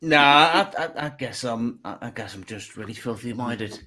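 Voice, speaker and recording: A man's voice: medium pitch, animated, moderate pace, pushed and bright. A man doing a stand-up comedy set, chatty and stumbling, mocking himself.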